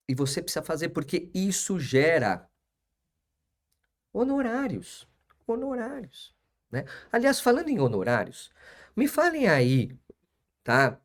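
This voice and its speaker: São guy hosting a live, bit high voice, repeats himself a lot, talks to the chat. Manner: emphatic, repeats phrases, chats with viewers in the comments. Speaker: auctioneer and lawyer hosting a live stream. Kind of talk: live stream talk to viewers.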